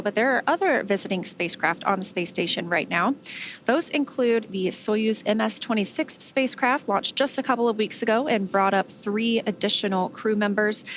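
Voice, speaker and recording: A woman's voice: medium pitch, a bit bright, slight background noise. A woman giving conversational, explanatory live commentary as a space mission broadcast host.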